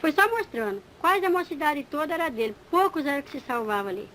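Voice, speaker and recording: A woman's voice: high-pitched, animated, fast talker, fairly bright tone, a little hiss or hum, poor audio. A woman giving a spoken religious testimony, telling her story with animation and acting out the dialogue. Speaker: church member giving testimony.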